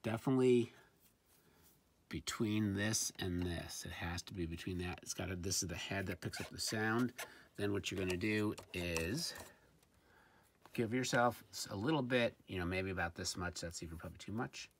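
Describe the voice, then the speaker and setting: A gadget reviewer demonstrates a product at an indoor tabletop, speaking casually and a little hesitantly as though thinking aloud. His voice is low and husky, at a moderate pace. Faint background noise and handling clicks can be heard.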